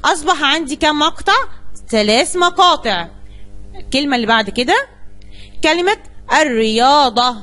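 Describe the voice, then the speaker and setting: A woman's voice: high voice, expressive, a little fast, pauses often, bright, forceful tone. A woman teacher with an Egyptian accent explaining word syllables step by step to a young class. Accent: Egyptian Arabic.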